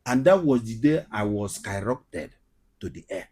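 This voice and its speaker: A man's voice: fairly low pitch, animated, moderate pace, a little mellow, breathy edge. A man with a Nigerian Igbo accent, telling his story as an interview guest and repeating phrases emphatically. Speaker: guest, comedian and skit maker.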